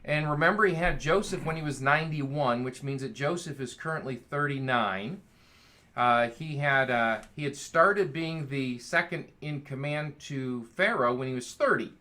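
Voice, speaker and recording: Male Bible study leader, bright tone, enthusiastic and playful. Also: medium pitch, moderate pace. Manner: enthusiastic, reads scripture aloud, jokes. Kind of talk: casual Bible study teaching.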